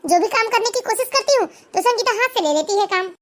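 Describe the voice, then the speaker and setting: A sly middle-aged mother schemes in a high, sugary cartoon voice, as a woman plays her. Her talk is falsely kind and coaxing, with an edge of cunning underneath. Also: animated, brisk. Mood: scheming. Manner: falsely sweet, honeyed. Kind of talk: cartoon voice acting.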